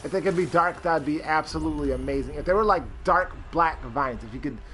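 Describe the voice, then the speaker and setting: A man's voice: fairly high pitch, fairly quick, a bit bright, slight background noise. A man streaming a character-creation game, rambling with lots of fillers and greeting chat viewers. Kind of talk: casual live-stream commentary.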